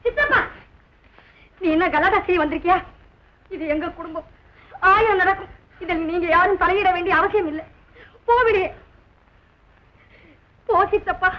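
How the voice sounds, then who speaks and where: A very high-voiced meek wife. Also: female voice, moderate pace, pauses often, fairly bright tone, low-quality recording. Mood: firm. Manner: pleading, deferential. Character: pleading meek young wife. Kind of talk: classic film dialogue. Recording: hissy old film soundtrack.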